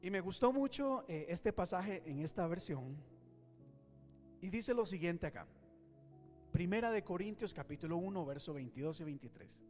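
A male pastor preaching a sermon in a church, swinging between loud and hushed. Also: high voice, expressive, moderate pace, in a large hall, faint music behind.

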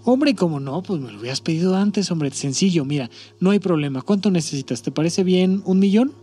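A man's voice: high voice, expressive, brisk, dark tone, faint music behind. Man voicing an offhand, blunt God. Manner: casual, matter-of-fact, slangy.

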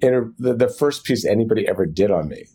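A man being interviewed about his television career, answering in a soft, halting way. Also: on the low side, lively intonation, slightly rough. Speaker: television creator, interview guest. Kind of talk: casual interview.

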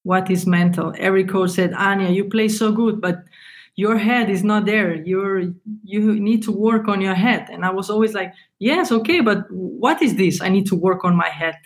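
A woman from Slovenia in her thirties, a tennis coach, talking casually as an interview guest and stopping now and then to find her words. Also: mid-range voice. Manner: halting, searching for words, non-native English.

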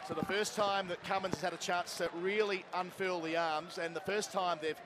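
A man's voice: high-pitched, steady tone, moderate pace. A man giving live radio cricket commentary, describing the play in short running phrases. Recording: clear crowd noise at outdoor ground. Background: cricket crowd, outdoor ambience.

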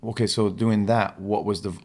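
A man's voice: lowish voice, flat delivery, moderate pace, a little mellow. A man hosting a casual conversation, eager and chatty, asking questions and comparing experiences as a stage performer. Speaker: host, musical theatre performer.

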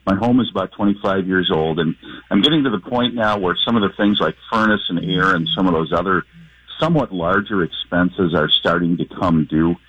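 Deep husky man calling in by phone. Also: a little fast, fairly bright tone, dry recording. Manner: polite, thinking aloud with hesitations. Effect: over the phone. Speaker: caller. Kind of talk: call-in question to a radio show. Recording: dull lo-fi phone line.

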